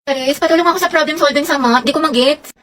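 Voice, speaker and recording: A woman's voice: high voice, fast, a bit bright. A woman acting in a comedy skit who teases her friends in a giddy way. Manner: teasing, giddy.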